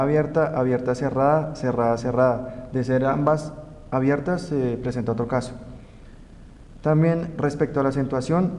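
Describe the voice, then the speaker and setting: A young man from Colombia, a student reading a grammar lesson aloud in a slow, careful way. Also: medium pitch, darkish tone. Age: young adult. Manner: slow, careful reading of rules and example words. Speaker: student presenter. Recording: roomy reverb, faint background noise.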